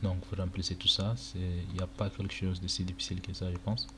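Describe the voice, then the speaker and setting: Sitting at a computer indoors, a low, flat-voiced young Chadian man who speaks Arabic as his first language records a screen walkthrough tutorial. He talks casually and haltingly, using many fillers, and the noisy home recording picks up keyboard clicks.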